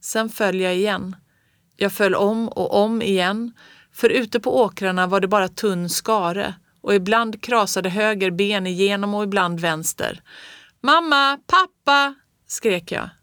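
A woman reading a children's story aloud in the first person with calm, measured storytelling. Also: medium pitch, no echo, studio quality. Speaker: audiobook reader.

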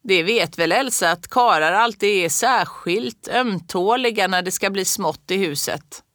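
A woman's voice: mid-range voice, a bit bright, no echo, studio quality, lightly acted. A woman playing a teasing old grandfather. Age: older.

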